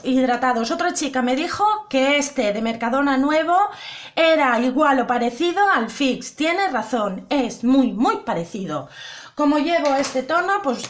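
Chatty high-voiced woman vlogger. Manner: chatty, addresses viewers directly, repeats herself. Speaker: beauty vlogger. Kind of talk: casual makeup tutorial.

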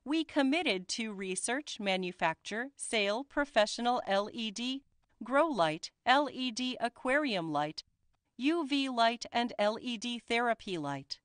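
A woman reads a scripted corporate voice-over at a very slow, deliberate pace. Her voice sits a little high and comes across smooth and clear. The recording is close and dry, with no room sound. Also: expressive, fairly bright tone, no echo. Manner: slow, careful, deliberate reading. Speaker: company spokesperson.

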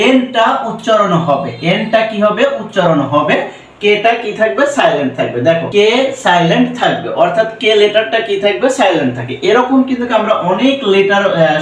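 A man's voice: sits high, a little hiss or hum. A man teaching a pronunciation lesson, often asking a question and then answering it himself, with English phrases mixed into his explanation. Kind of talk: classroom-style pronunciation lesson. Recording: roomy echo, voice from a distance.

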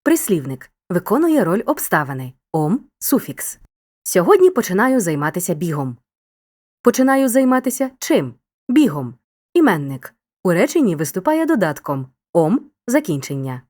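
A woman narrating a scripted school grammar lesson in a clear, upbeat, encouraging teacher's tone. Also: medium pitch, very animated, normal speed, darkish tone.

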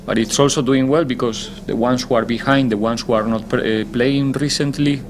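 With a steady, mid-range voice and slight background noise, a male football head coach takes press conference questions. He responds deliberately and in a measured way, frequently stopping to search for words.

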